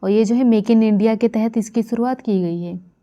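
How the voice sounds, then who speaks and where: A woman's voice: a little high, normal speed, warm tone. A woman from India giving a current affairs lecture for exam preparation, repeating key facts with frequent fillers. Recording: dull lo-fi recording.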